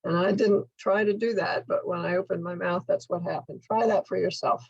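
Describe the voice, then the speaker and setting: An older woman teaching in a slide presentation, speaking slowly and enunciating carefully as she models speech sounds step by step. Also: lowish voice, steady tone, vocal fry, breathy edge, no echo, muffled recording. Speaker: workshop instructor for literacy tutors. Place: indoor room at home, video call.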